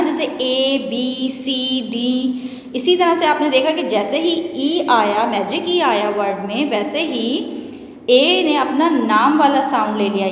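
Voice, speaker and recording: A woman with a high voice teaches a phonics lesson at an unhurried, patient pace. She asks a question and answers it herself. The sound rings through a bare room with a long, heavy reverb. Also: slight background noise. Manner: slow, patient, mixes Hindi and English, asks questions and answers them. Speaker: English teacher.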